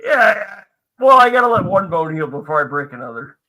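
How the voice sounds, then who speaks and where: Brash man with a very bright voice. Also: high-pitched, very animated, fairly quick, a little hiss or hum, low-quality recording. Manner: brash, profane, joking. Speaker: podcast co-host. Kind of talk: casual chat.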